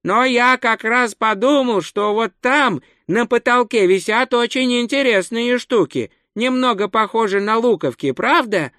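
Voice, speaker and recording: A man's voice: very high-pitched, measured pace, hardly any pauses, pushed and bright, no echo, clean studio sound, voice pushed up, full character voice. A man voicing Twoflower, a meek, polite little male tourist who speaks naively and carefully in a storybook reading. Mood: musing.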